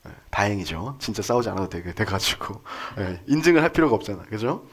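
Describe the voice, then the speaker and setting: Lively storytelling male preacher. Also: on the low side, fast, husky. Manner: conversational, jokey, asks the congregation questions. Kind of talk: sermon with storytelling.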